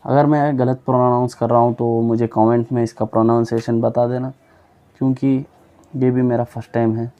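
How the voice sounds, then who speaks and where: A young man casually reading aloud a long list of names for his viewers, sounding them out slowly and often stumbling and repeating them. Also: medium pitch, flat delivery, warm tone, clean tone, dull audio. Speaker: YouTuber reading Pokémon names.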